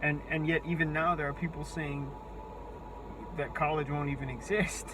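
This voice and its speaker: Halting young man with a thin, squeaky voice. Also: flat delivery, noisy background. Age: 20s. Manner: halting, searching for words, rambling. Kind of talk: unscripted monologue to camera.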